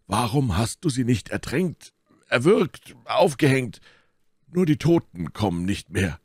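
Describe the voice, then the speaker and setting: A man reading aloud voices a hot-tempered, blustering musketeer who speaks loudly and emphatically. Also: medium pitch, sing-song, normal speed, dry recording, clean studio sound, voice pushed up. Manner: loud, emphatic.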